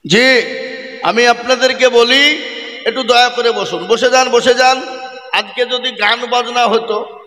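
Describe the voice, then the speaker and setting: Preacher guy, high bright voice, chants and keeps yelling at the crowd to answer, big echoey loudspeaker reverb. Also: unhurried, long pauses. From West Bengal, India. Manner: repeatedly demands answers from the crowd; lilting, half-sung chanting of verses. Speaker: Islamic preacher. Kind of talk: fiery sermon with sung verses. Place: large religious gathering over loudspeakers.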